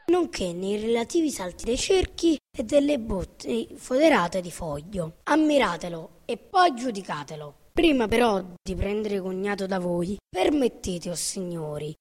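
A woman voicing a pompous, blustering male circus director who makes grand speeches and barks commands in an audiobook. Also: mid-range voice. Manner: grandiloquent, ringmaster shouting commands. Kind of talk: audiobook character reading.

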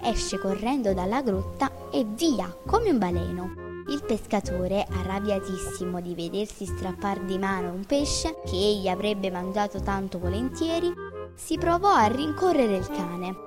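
A woman reads a children's story aloud with a clear, expressive storytelling voice. Bright children's music plays clearly behind her. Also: medium pitch, unhurried. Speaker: narrator. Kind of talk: storybook reading.

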